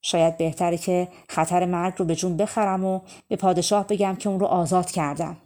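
A kind young prince from a fairy-tale storybook, gentle and thoughtful, read by a woman in her own voice. The tone stays low and mellow. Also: steady tone, close to an everyday voice. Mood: worried.

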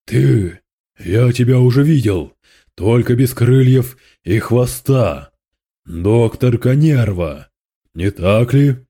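A man's voice: mid-range voice, animated, slow pace, mellow. A man reading aloud, voicing a spiteful male demon lord who hisses and gloats with scorn. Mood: menacing.

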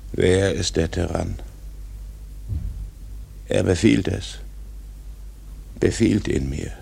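Brooding old whaling captain, gravelly, husky, declamatory, haunted, radio drama monologue. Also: male voice, low voice, a little mellow, full character voice. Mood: anguished questioning. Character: brooding, tormented old sea captain obsessed with fate.

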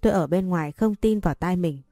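A woman narrating a romance story in the first person, steady and measured. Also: lowish voice, dry recording, clean studio sound, soft background music. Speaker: audiobook narrator.

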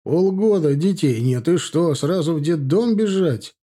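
A man's voice: a little high, animated, a little slow, dark tone, pitched above the performer's own voice. A man playing a blunt, impatient older general who talks brusquely. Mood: gruff. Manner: brusque, exasperated.

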